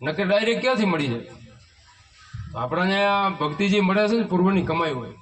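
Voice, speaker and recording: A man's voice: high-pitched, expressive, brisk, a bit bright, slight background noise. A man, a spiritual teacher giving a devotional sermon at a devotee's village home, asking rhetorical questions and reciting hymn verses. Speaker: spiritual teacher leading a satsang. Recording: voice from far off the mic.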